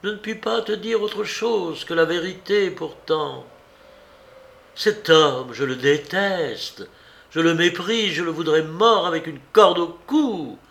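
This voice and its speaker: A man reading aloud, voicing a young servant woman who speaks in a calm, commanding way. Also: fairly high pitch, unhurried, creaky, reverberant, voice pushed up. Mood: vehement. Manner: cold, commanding, quiet.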